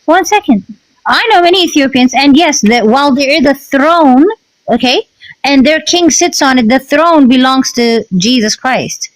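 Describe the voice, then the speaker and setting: Firm high-voiced woman in a debate. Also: moderate pace, dry recording, poor audio. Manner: firm, cuts in. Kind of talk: religious debate.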